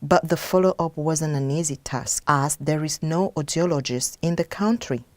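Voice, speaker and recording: A woman's voice: sits low, moderate pace, dry recording. Earnest Cameroonian woman narrating. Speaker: documentary narrator. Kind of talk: scripted narration.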